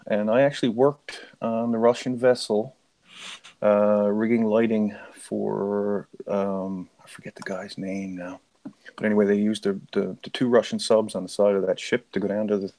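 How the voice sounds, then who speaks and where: A man in his fifties chats as a guest, spinning long stories with easy laughs. His voice sits a little low, and the sound is dry with no room around it. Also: gravelly, a little mellow, no echo. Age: 50s. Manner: rambling storyteller, laughs easily. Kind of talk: casual chat on a live stream.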